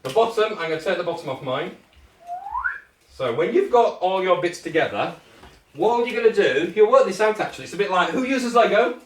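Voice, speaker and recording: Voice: medium pitch, expressive, brisk. A British kids' party magician giving step-by-step instructions to children in encouraging, jokey patter, often checking with short questions. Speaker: children's party magician leading a craft activity. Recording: echoey room, distant microphone.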